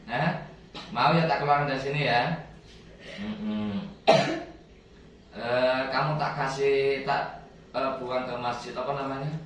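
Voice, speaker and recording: A man's voice: mid-range voice, fairly even intonation, slow pace, pauses often, fairly bright tone, slight background noise. A man leading a spiritual healing session, chanting verses and speaking to an unseen spirit in a commanding, coaxing way. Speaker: ruqyah healer. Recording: very echoey room, distant mic.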